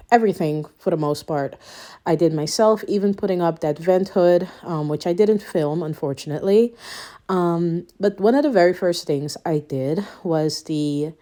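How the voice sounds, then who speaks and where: A home renovation vlogger in her thirties, from Suriname and raised Guyanese with a Guyanese accent, chats casually to camera in a lowish, slightly mellow voice. She sounds a little out of breath, rambling with many ums and laughing between thoughts.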